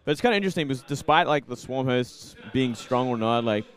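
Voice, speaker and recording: A man's voice: medium pitch, quick pace. A man casting a video game match, chatting casually with his co-caster and talking with plenty of fillers. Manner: chatty, excitable, frequent fillers. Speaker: esports caster. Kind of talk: casual esports commentary.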